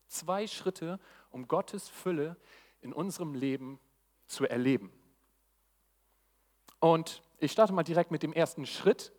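A man preaching a live sermon to a church audience, eager and exclamatory in his delivery. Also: a little high. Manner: enthusiastic, exclamatory. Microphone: handheld mic. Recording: long hall reverb.

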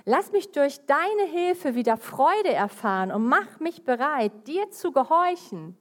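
A middle-aged woman preaches a sermon with a fairly high voice. She speaks emphatically, her voice rising for key points and dropping low and soft for others. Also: measured pace. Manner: lively, emphatic preaching with sudden rises and drops in loudness.

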